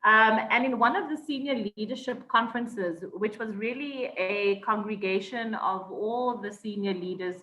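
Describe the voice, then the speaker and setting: In an echoey, dull, lo-fi interview recording, a South African guest reflects on her life story, full of ums and false starts. She speaks at medium pitch and a moderate pace with few pauses, and her tone is sharp.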